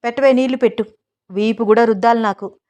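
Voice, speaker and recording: A woman's voice: a little high, steady tone, fast, a little mellow, natural voice. A woman voicing a playful, pushy young husband who teases his wife. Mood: teasing. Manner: teasing, cajoling.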